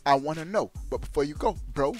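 A man hosting a gaming video channel, who talks in an excitable, laughing and slangy way and often says 'bro'. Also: on the high side, a little fast, faint music behind. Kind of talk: casual gaming video commentary.

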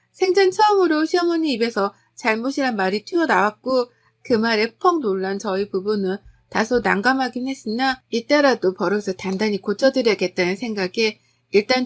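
A woman reading a first-person family story aloud as a channel narrator, in a confiding, gossipy tone. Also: a little high.

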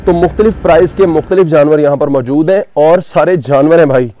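Chatty man with a mellow voice. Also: a little high, fairly quick, faint music behind. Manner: chatty, joking, talks to viewers as "bhai". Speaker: vlogger touring a cattle farm. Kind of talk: casual walking vlog commentary. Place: outdoors at a cattle farm.

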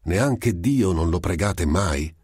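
A man's voice: deep voice, lively intonation, slow pace, a little mellow, breathy edge, no room sound, clean studio sound, full character voice. A man playing a fervent, flustered old priest. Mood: pleading. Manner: brusque, struggling, fervent. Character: old country priest, earnest, flustered and pious.

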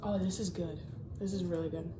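A woman's voice: lowish voice, fairly even intonation, a little fast. A young woman chatting eagerly with her mouth full while tasting snacks at home. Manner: enthusiastic, chatty, filler "like". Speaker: friend taste-testing snacks. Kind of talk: casual chat. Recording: echoey room with background noise.

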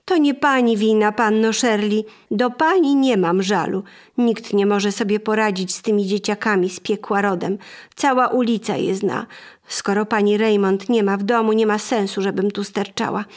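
A woman voicing an indignant middle-aged neighbor who scolds shrilly and loudly. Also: fairly even intonation, moderate pace, lightly acted. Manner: shrill, scolding, loud complaint.

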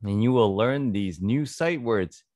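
A man in his thirties teaches children English phonics by reading aloud, deliberate and repetitive as he repeats words and sentences. His voice is fairly low, animated and darkish in tone. He sits close to a boom-arm desk microphone in a small home studio, and the recording is dry.

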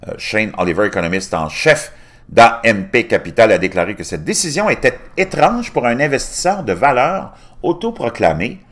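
A man's voice: medium pitch, very animated, moderate pace, a bit bright. A middle-aged man hosting his own channel, reading news articles aloud from his screen and adding his own asides. He often stumbles and restarts words while reading, recorded on a desktop mic in a small room at home. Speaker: YouTube channel host.

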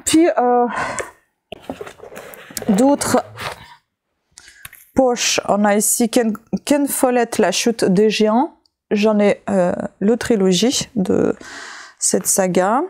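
With a mid-range, gentle voice, a vlogger chats casually while naming the books she discovered. Her French has a non-native accent, and the listing comes slowly, with frequent pauses and fillers.

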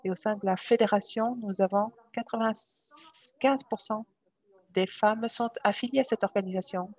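A woman from Cuba giving a formal, measured talk as a panel speaker. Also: mid-range voice, darkish tone.

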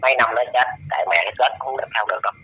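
A man in his eighties with a Southern Vietnamese accent, talking as an interview guest and lecturing in a scolding, preachy way, his pitch leaping up and down. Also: racing, bright, forceful tone, husky, low-quality recording. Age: 80s. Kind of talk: casual lecturing chat.

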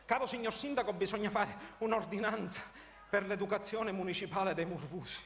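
A man's voice: high voice, brisk, fairly bright tone. A man with a Sicilian accent playing a cheeky priest who rambles and giggles through a comic sketch. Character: cheeky, chattering priest, Padre Attanasio. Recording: reverberant hall, faint noise.

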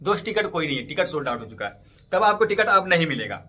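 A man in his thirties talks fast and chatty straight into a close webcam, his voice pitched high and bright. He walks through app steps one by one and keeps circling back to plug his channels. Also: big pitch swings. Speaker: cricket ticket update YouTuber. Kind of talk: casual tutorial vlog. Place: indoors in front of a green screen stadium backdrop.

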